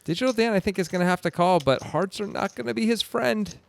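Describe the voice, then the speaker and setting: A man's voice: high voice, fast, vocal fry. A man commentating a poker game in a casual, playful way, calling hands and teasing his co-host. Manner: playful, teasing, bursts of excitement.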